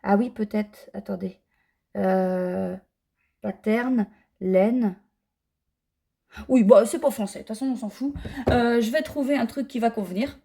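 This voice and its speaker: A woman's voice: fairly high pitch, a little slow, creaky, long pauses, warm tone. A middle-aged woman chatting casually in a knitting vlog, rambling and self-mocking as she talks. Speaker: knitting vlogger. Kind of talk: casual chat.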